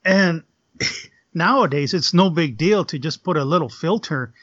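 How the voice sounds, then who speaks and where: A man's voice: on the high side, animated, moderate pace, fairly bright tone, no echo. Chatty man on a dull lo-fi line. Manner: chatty, laughs often, full of fillers. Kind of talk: casual podcast chat. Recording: dull lo-fi dry sound.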